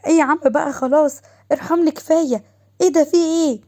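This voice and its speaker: A woman's voice: high-pitched, animated, racing, warm tone, pitched above the performer's own voice. A woman voicing a playful young wife who whines and protests, with an Egyptian accent. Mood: squealing. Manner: squealing, protesting.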